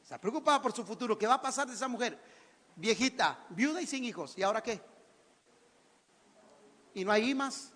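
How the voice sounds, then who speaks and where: A man's voice: very high voice, animated, brisk, pauses often, a bit bright. A man with a Costa Rican accent preaching a theatrical sermon in church, firing questions at the congregation. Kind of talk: lively sermon. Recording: church hall reverb.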